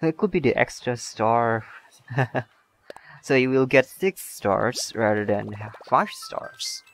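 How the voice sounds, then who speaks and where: A young Indonesian man streams a game, speaking slowly in a mid-range voice with lively intonation and vocal fry. He reads viewer comments in chatty, halting talk full of restarts and laughs, off-axis to a shotgun mic, with faint game music behind.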